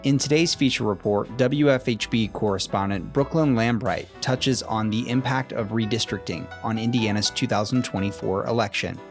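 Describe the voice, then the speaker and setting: A man anchoring a radio newscast, reading a scripted introduction in a measured way. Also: fairly low pitch, music in the background. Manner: measured read delivery. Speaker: news anchor.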